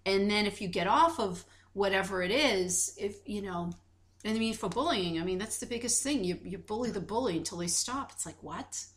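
A woman's voice: mid-range voice, brisk, a bit bright. A woman co-hosting a podcast, talking earnestly in casual conversation and retelling a story with many restarts. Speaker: podcast co-host.

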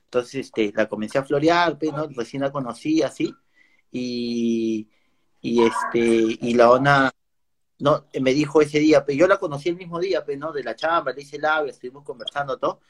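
A man's voice: mid-range voice, normal speed. A man with a Peruvian Spanish accent, joking and swearing in a casual slangy chat with his co-host. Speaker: livestream co-host.

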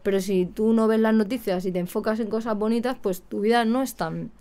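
Woman, singing teacher, casual chat, lively, mid-pitched voice. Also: fairly quick, clean tone. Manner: chatty, lively, acts out her students' voices. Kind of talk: casual talk to camera.

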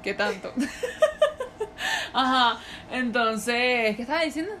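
A woman's voice: fairly high pitch, very animated, slow pace, a bit bright, a little hiss or hum. A young woman, co-hosting a podcast and telling rambling stories in casual chat. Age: late teens. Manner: rambling, storytelling, laughs often. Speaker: podcast co-host.

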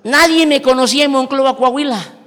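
A Mexican man in his forties with a Mexican accent, preaching a sermon in an animated, emphatic storytelling manner. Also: extremely high pitch, a little fast. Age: 40s. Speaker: pastor. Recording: long church hall reverb.

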